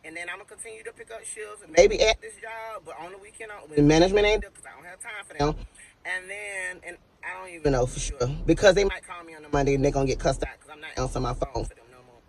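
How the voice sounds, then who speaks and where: A woman's voice: on the low side, fast talker, a little mellow, low-quality recording. A woman who works as a nurse, telling a story to her viewers in a casual, emphatic way and calling them y'all.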